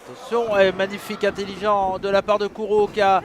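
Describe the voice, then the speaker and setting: A man giving excitable live play-by-play as a wrestling commentator, exclaiming at the action. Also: sits high, brisk. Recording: noisy live event with crowd. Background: crowd at a wrestling show.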